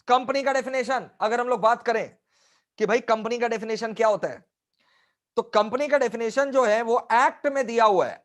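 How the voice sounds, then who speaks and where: A man teaching a live online revision class, emphatic, repeating key points and adding scolding asides to his students. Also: high-pitched.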